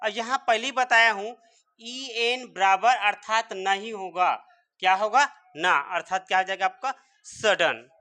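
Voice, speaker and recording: A man teaches English spelling and pronunciation as in a classroom, going through words letter by letter. He repeatedly asks rhetorical questions, then answers them himself. He has a high voice, pushed and bright, delivered at a measured pace.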